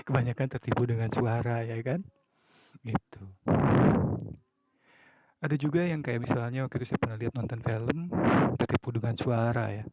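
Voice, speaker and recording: A man's voice: mid-range voice, a little mellow, rough recording. A man talking casually on his own podcast, musing and acting out examples of moods and a late-night radio host. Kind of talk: casual solo talk.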